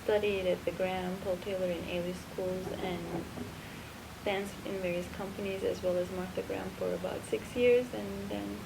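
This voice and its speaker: A woman from Turkey, a dancer, giving soft-spoken interview answers with hesitant fillers. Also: medium pitch, steady tone, normal speed, gravelly. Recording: noisy recording.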